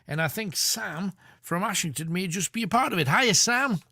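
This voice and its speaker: A man with a North East English accent hosts a radio phone-in in an informal, matey way. His voice sits a little high and has a gravelly creak. The sound is dry, as in a studio. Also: lively intonation, normal speed, bright, forceful tone, no room sound. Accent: North East England. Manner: informal, matey, short encouraging interjections. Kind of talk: casual phone-in chat.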